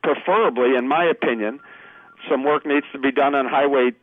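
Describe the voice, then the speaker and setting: A man guest on a radio show, speaking over the phone in an earnest, halting way with many fillers. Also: mid-range voice, no room sound, phone-quality sound, faint music behind. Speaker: political candidate guest.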